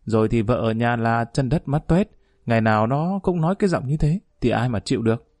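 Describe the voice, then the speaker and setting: Brief: sheepish young village husband, read by a man, grumbling and defensive, middle pitch. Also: lively intonation, quick pace, a little mellow, dry recording, clean studio sound. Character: sheepish young husband who sings folk songs.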